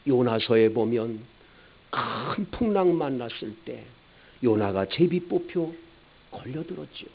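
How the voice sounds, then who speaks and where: A man preaching a sermon as pastor in a church, telling stories in an animated way. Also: medium pitch, measured pace, vocal fry, slightly rough, muffled recording. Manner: animated storytelling, acting out quarrels in raised voice. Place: church sanctuary.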